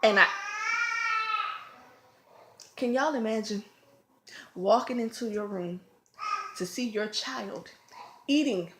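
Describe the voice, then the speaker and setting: A woman, a mother and vlogger, telling a casual storytime at home with loud, animated acted-out quotes and screams. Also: medium pitch, a little slow, reverberant, noisy background. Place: home, room with children around.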